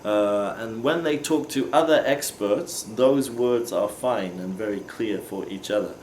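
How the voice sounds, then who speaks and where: A man teaching English phrases, explaining slowly and patiently and acting out example questions. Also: fairly low pitch, a little mellow, slight background noise. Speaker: language teacher. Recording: echoey room with faint ambience.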